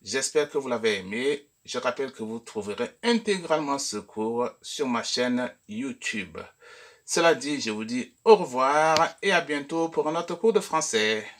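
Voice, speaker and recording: A man teaching an online French pronunciation lesson, speaking slowly and deliberately. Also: medium pitch. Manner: slow, deliberate, lively intonation.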